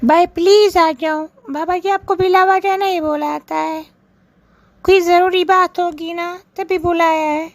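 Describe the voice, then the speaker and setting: A woman playing a very high-voiced pleading young woman. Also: fairly even intonation, no echo. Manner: pleading, persuasive. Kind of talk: comedy skit acting.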